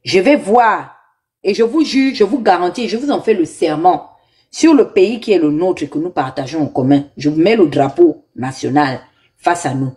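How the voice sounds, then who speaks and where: Woman host, low-ish voice, emphatic live commentary. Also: normal speed, mellow. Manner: emphatic, exhorting, speaks in repeated appeals.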